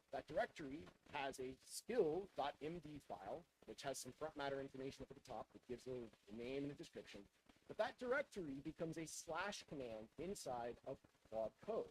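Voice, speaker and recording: A man's voice: a little high, a little hiss or hum, poor audio. A man giving an informal technical lightning talk, often restarting and repeating his phrases.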